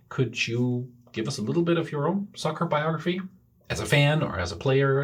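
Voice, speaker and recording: A man hosting a podcast who earnestly asks for listener support and introduces his guest, repeating words for emphasis. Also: medium pitch. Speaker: podcast host. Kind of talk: podcast host appeal and introduction.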